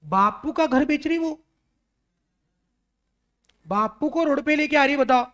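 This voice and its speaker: A man's voice: extremely high pitch, animated, measured pace, a bit bright. A man teaching a law lecture in a classroom, acting out little scenes and talking with students, mixing in English terms.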